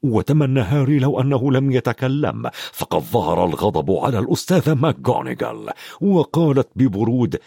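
A man narrates a storybook in an expressive, animated way. His mid-range voice moves a lot in pitch, recorded close and dry with no room sound. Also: a little fast, vocal fry, husky, no room sound. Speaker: audiobook narrator. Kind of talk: scripted narration.

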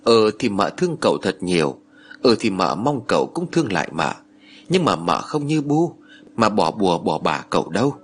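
A man voicing an earnest young wife who pleads and frets, as an audiobook narrator with a husky voice. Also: lowish voice, big pitch swings, normal speed. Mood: pleading.

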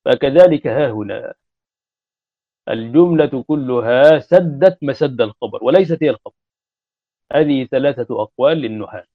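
A man giving a classroom grammar lecture, repeating and spelling out word forms deliberately. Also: mid-range voice, dry recording. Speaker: grammar teacher. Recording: dull lo-fi recording.

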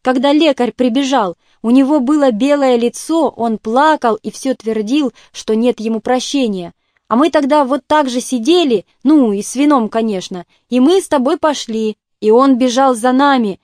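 Woman playing a loud tipsy officer. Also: high voice, measured pace, no room sound, clean studio sound. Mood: insistent. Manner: loud, insistent storytelling. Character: tipsy, excitable male officer at a feast.

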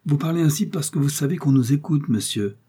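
A man's voice: fairly high pitch, expressive, brisk, mellow, husky, pitched above the performer's own voice. A man voicing a proud, scheming woman prisoner who speaks with cold haughtiness and feigned fervor. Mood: haughty indignation.

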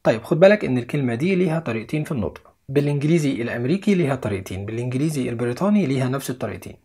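A man's voice: mid-range voice, expressive, racing, mellow, husky. A young man with an Egyptian Arabic accent teaching an English lesson on video, explaining step by step and repeating each word twice.

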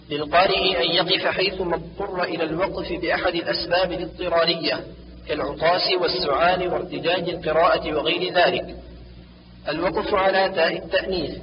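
A man teaching the rules of Quran recitation, reading them out and chanting short examples slowly. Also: fairly high pitch. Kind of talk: instructional reading. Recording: distant, lo-fi, with long reverb and clear background noise.

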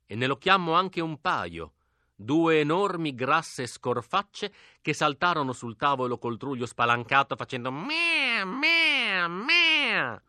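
A male narrator reads a literary novel with expressive, acted dialogue, sinking to a hush for whispered lines. His voice is mid-pitched and bright, caught close and dry in a studio. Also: measured pace, no echo. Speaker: audiobook narrator. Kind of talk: literary audiobook reading.

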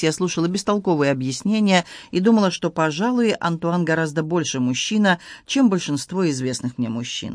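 A woman reading an expressive first-person audiobook narration, acting out the dialogue. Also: deep voice, no room sound, studio quality.

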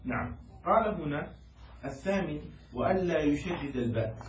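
A man explains a law text to his students in a lecture, often asking if they follow. His voice sits slightly high. It is caught from a distance in an echoey room with faint noise behind. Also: lively intonation, normal speed. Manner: quizzes students and has them repeat words. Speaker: Islamic law teacher.

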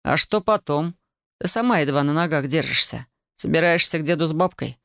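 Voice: medium pitch, fairly quick, pushed and bright, no echo, studio quality. A reader voicing a weary wounded young soldier. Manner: tired, reluctant, pleading. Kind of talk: audiobook character voice.

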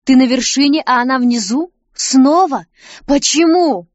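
A woman reading a story aloud, voicing a sharp-tongued, mocking ghostly young woman. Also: high-pitched, measured pace, no echo, highs cut off. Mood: shrill, accusing. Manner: mocking, taunting.

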